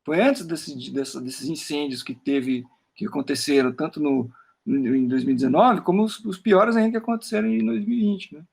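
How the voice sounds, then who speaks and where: A Brazilian poet talks through his work in a relaxed interview over a video call. His voice sits high and has a gravelly, husky edge. He rambles, repeats words as he searches for them, and keeps tagging his sentences with a questioning "né?". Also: normal speed. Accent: Brazilian Portuguese. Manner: rambling, with frequent "né?" tags and stammered repeats. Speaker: poet talking about his book. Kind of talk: casual interview chat while showing his work on screen.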